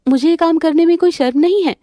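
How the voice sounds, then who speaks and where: A woman's voice: extremely high pitch, quick pace, mellow, a little hiss or hum, voice pushed up. A woman voicing a hardworking, proud young daughter-in-law who drives a rickshaw in a cartoon story, earnest and cheerful. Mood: firm.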